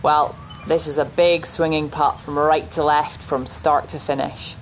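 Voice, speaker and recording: A woman's voice: sits low, flat delivery, a little slow, slight background noise, rough recording. A woman doing golf commentary as an on-course reporter, concise and descriptive.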